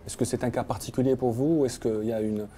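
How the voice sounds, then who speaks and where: A male journalist asking interview questions in a polite, measured way. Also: mid-range voice, fairly even intonation, mellow, slight background noise.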